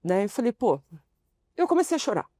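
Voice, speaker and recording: A woman in her forties from Brazil tells stories from her working life as an interview guest. She voices the people in her stories as she goes, with a lively, personal delivery. The sound is dry and close. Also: a little high, brisk, dry recording. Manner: expressive storyteller, acts out quoted dialogue. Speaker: podcast guest, consultant. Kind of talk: storytelling interview conversation.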